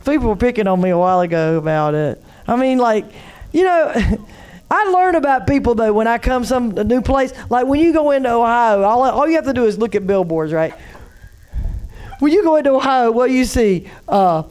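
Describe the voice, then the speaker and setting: A woman's voice: on the high side, lively intonation, a little fast, darkish tone, clean tone. Drawling Southern woman doing stand-up. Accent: Southern American. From North Carolina. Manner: chatty, teasing the crowd, drawling. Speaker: stand-up comedian. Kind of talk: live stand-up set. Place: comedy club stage.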